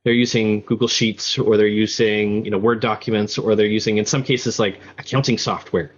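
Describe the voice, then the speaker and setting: Lower-voiced man explaining in an interview, slightly muffled. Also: fairly even intonation, moderate pace. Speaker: guest, software founder.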